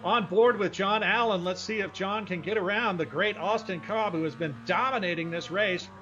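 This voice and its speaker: Man, sim racing commentator, folksy and enthusiastic, slightly high voice, muffled lo-fi audio. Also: moderate pace, pushed and bright, slight background noise. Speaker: race broadcast host and commentator. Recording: dull lo-fi broadcast audio.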